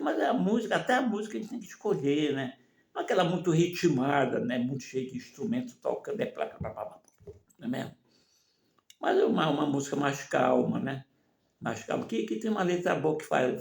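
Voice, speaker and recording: An older man talks in a rambling, folksy way and keeps tossing in little questions to his listeners. His voice is gravelly and sits a bit high for a man. He is recorded in an echoey room. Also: a little mellow. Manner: rambling, keeps asking "né?" and "não é mesmo?"; folksy, moralizing. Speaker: vlogger. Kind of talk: casual advice monologue.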